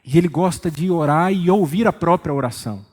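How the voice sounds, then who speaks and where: Man, Brazilian Portuguese accent, pastor, calm humorous sermon, somewhat high voice, long church reverb. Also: a little fast. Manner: calm, joking, acts out quoted church members. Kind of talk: expository sermon. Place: church sanctuary.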